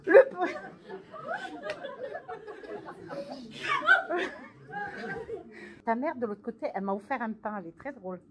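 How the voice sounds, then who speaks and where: A woman giving a psychic reading in a theatrical, drawn-out way. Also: on the high side, sing-song, over a noisy crowd, heavy background noise. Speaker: medium.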